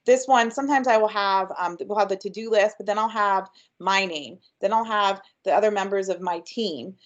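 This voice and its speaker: A workshop presenter, a native English speaker, gives an upbeat, chatty webinar presentation peppered with frequent ums. Her voice is mid-range at a moderate pace, and the audio has its highs cut off.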